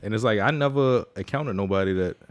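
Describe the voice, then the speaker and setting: A man with a fairly low voice co-hosting a casual podcast. He talks laid-back and slangy and laughs easily. He is close to the mic in a dry, dead-sounding space. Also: fast, no echo. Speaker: podcast co-host. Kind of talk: casual chat.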